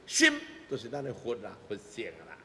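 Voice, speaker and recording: A man's voice: on the low side, very animated, moderate pace, pushed and bright, a little hiss or hum. A middle-aged man with a Taiwanese accent gives a Buddhist sermon, emphatic, with rhetorical questions and repeated phrases. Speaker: Buddhist master giving teachings. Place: temple hall before a seated congregation. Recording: echoey hall, music bed underneath.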